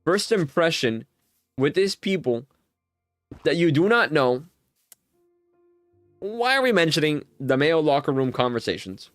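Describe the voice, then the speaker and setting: A man's voice: a little high, big pitch swings, unhurried, pauses often, dry recording, clean studio sound, soft background music. A young man streaming a Minecraft game, casually telling a long story, full of fillers and laughing exasperation. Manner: rambling, filler-heavy, exasperated laughing retelling. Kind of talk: casual storytelling while gaming.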